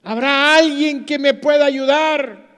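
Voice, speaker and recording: A male preacher acting a frightened man clinging to a branch and shouting for help in a sermon story. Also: very high-pitched, fairly even intonation, takes it slowly, long reverb tail, pitched above the performer's own voice, heavily acted. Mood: desperate.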